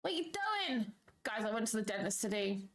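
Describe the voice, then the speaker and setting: A woman chatting casually to viewers on a livestream, with an excitable, exclamatory manner. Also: mid-range voice, fairly quick. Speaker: live streamer.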